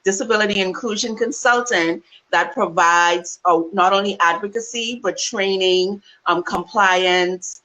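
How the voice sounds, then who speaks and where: A Bahamian woman guest speaking about her advocacy work, warm, upbeat and articulate, on a video call. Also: mid-range voice, a little slow, few pauses, poor audio. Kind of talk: interview talk.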